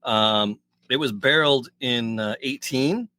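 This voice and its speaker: Brief: playful male podcast co-host, bright tone, rambling casual banter. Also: mid-range voice, measured pace. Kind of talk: casual whiskey tasting chat.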